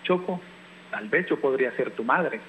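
A man reading aloud and voicing a kind, motherly female bear who speaks gently and warmly. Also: mid-range voice, animated, normal speed, phone-quality sound, slight background noise, close to an everyday voice. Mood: gentle.

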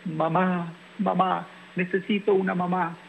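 A man reading aloud and voicing a small, lonely yellow bird boy who is looking for a mother, with a wistful, pleading way of speaking. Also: sits high, flat delivery, unhurried, gravelly, phone-quality sound, slight background noise, voice pushed up.

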